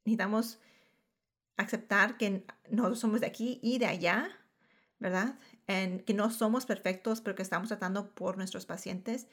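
A woman's voice: mid-range voice, steady tone, moderate pace, fairly bright tone. A woman hosting a casual conversation, switching between Spanish and English mid-sentence in Spanglish. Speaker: podcast host, dental professional.

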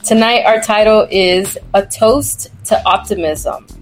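A woman co-hosting a show, reading lines in a smooth, even way. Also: medium pitch, measured pace, soft background music, poor audio. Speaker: podcast co-host. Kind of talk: read ad and interview questions.

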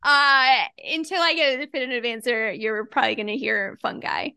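A woman's voice: on the high side, brisk, vocal fry, bright, forceful tone, clear, resonant tone, no room sound, studio quality. A woman co-hosting a podcast in casual chat, leading the conversation with a chatty, laughing manner. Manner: chatty, leads the topic with frequent laughs. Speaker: podcast co-host.

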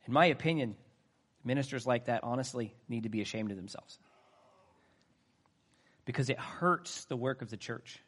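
A middle-aged man preaching a sermon, swinging between soft, earnest talk and loud bursts. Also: mid-range voice, normal speed, long pauses. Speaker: pastor.

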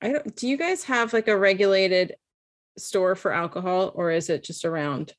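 A woman in her twenties from Ontario in casual chat, telling little stories with lively energy and laughing at herself. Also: medium pitch, normal speed. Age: 20s. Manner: animated storyteller, laughs at herself.

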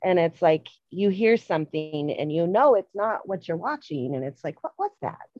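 A woman's voice: on the low side, expressive, moderate pace, darkish tone, dry recording, muffled recording. A woman co-hosting a podcast, speaking in a playful, giggly way. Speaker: podcast co-host. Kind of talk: casual chat.

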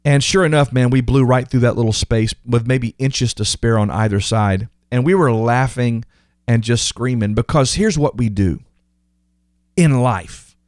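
A man's voice: mid-range voice, measured pace, darkish tone, no room sound, clean studio sound. Man giving an emphatic motivational talk. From United States. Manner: emphatic storytelling, repeats key phrases. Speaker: podcast host. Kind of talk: motivational monologue.

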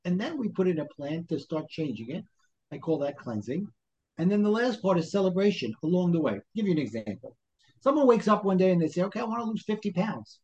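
With a Brooklyn accent and a fairly high voice of darkish tone, this life coach from Brooklyn, New York, explains things conversationally as a podcast guest. He motivates through rhetorical questions and dramatized self-talk, captured in lo-fi interview audio.

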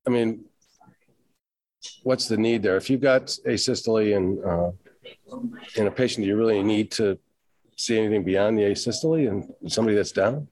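A man's voice: on the low side, moderate pace, pauses often, a little mellow, low-quality recording. A man on a panel discussion asking skeptical, probing questions.

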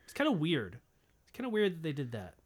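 A man's voice: a little high, wildly swooping pitch, fast, breathy edge. A man co-hosting a podcast in casual chat, sarcastic and ranting, swearing freely. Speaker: podcast co-host.

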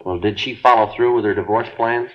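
Man playing a police sergeant, very deep, clipped, deadpan, matter-of-fact, dull old radio. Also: brisk, close to an everyday voice. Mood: calm. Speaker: detective narrator. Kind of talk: 1950s radio drama narration. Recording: dull 1950s radio broadcast.

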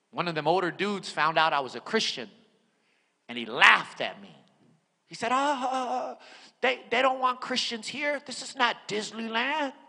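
A man in his forties preaching a sermon as a pastor, telling his story dramatically, dropping to a hush and rising to shouts. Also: a little high. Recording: echoey hall.

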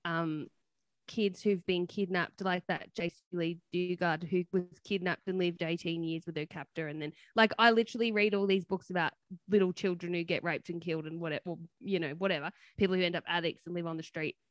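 A woman's voice: lowish voice, fairly even intonation, brisk, dry recording. A woman co-hosting a podcast, chatting bluntly and swearing freely. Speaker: podcast co-host. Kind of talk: casual chat.

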